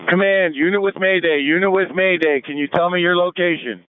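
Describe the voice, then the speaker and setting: A man's voice: high-pitched, fairly even intonation, brisk. A man, a fire incident commander, giving clipped orders over a fire radio. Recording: tinny radio transmission.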